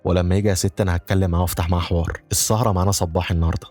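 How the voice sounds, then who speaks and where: A man with an Egyptian Arabic accent voicing a creepy male stranger who talks his way into a house, smooth and overly familiar. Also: low voice, little pitch movement, racing, darkish tone, faint music behind. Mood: eerily calm. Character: creepy male stranger, eerily calm intruder.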